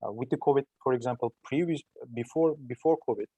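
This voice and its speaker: A man's voice: medium pitch, fast talker, mellow, slightly rough, no room sound, highs cut off. A man with a Turkish accent, a native Turkish speaker, giving conversational, explanatory interview answers and often rephrasing himself. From Turkey. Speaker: startup entrepreneur being interviewed.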